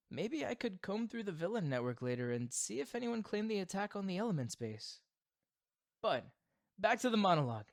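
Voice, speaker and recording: A man with a high-pitched voice plays a proud, theatrical supervillain boyfriend who is secretly doting, in an expressive ASMR roleplay.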